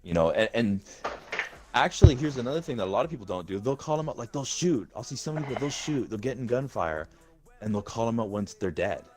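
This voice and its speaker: A man's voice: medium pitch, expressive, fast talker, music in the background. A man leading a gaming group in casual voice-chat talk, rambling and swearing, restarting his words often. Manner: rambling and profane, with many restarts. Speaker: gaming community leader.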